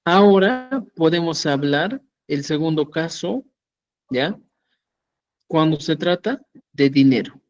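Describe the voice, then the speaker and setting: A man's voice: on the high side, animated, takes it slowly, pauses often, lo-fi sound. A man teaching a language lesson, patiently repeating words and often checking that his students follow.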